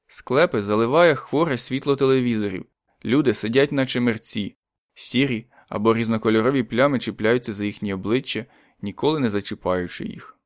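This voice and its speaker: A calm male narrator reading a story aloud in a measured, even storytelling voice. His pitch sits in the middle range, and the recording is close and dry with no room sound. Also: no room sound. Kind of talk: scripted audiobook narration.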